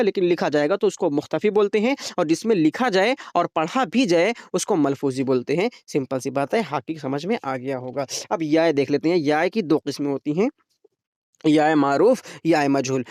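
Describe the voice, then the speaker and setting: A man teaching a grammar lesson for exam preparation, patiently explaining rules, repeating example words slowly and stretching them out, and often checking that the listener is following. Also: a little high, darkish tone, dry recording, studio quality.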